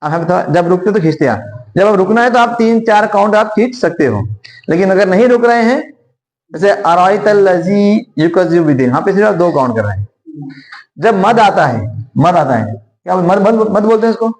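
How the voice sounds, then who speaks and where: High-voiced man teaching Quran recitation. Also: sing-song, a little mellow, roomy sound, poor audio. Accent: Indian Hindustani. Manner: drills pronunciation, quizzing students and repeating words slowly. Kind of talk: classroom Quran recitation lesson.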